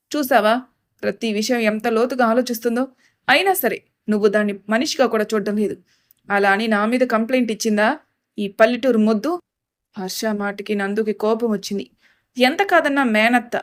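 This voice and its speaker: A woman narrating a Telugu family drama audio story, reading every character's lines in her own voice. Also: fairly high pitch. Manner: reads all characters' dialogue in her own voice, raising her voice for quoted lines. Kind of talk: scripted narration with voiced dialogue.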